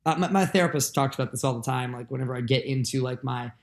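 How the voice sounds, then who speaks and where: A man's voice: medium pitch, quick pace. A young adult man, a musician guest, talking candidly and earnestly in a rambling podcast conversation full of fillers.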